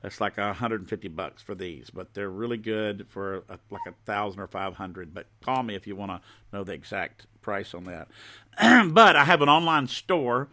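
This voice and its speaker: A man talking like a folksy home shopping host on a live stream, informally showing and pitching his own products. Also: sharp tone. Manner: folksy, informal show-and-tell.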